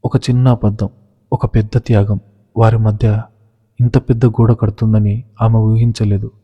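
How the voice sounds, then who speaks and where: A man telling a dramatic story in measured, scripted narration. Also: on the low side, flat delivery, breathy edge. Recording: reverberant, dull lo-fi recording.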